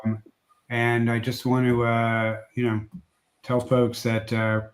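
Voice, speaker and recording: A man who is an immigration lawyer, giving a livestream legal update, a little hoarse and speaking haltingly with many fillers and restarts. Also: mid-range voice, completely flat delivery. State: losing his voice a little.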